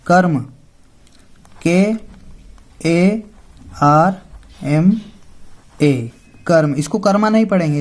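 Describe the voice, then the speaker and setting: A man with a fairly high voice teaches a lesson at an unhurried pace. He explains step by step, spells words out letter by letter and asks himself questions before answering them. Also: darkish tone. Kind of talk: classroom-style spoken lesson.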